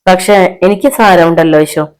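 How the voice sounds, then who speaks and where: A woman voicing a defiant young wife and mother in a storybook reading, speaking in a sharp, cutting way. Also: on the low side, moderate pace, lightly acted, poor audio.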